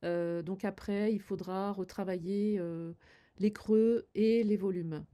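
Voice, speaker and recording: In this makeup tutorial, an older vlogger talks slowly in a warm, mid-range voice with fairly even intonation. She demonstrates each step as she goes, giving kindly, hesitant tips full of filler words.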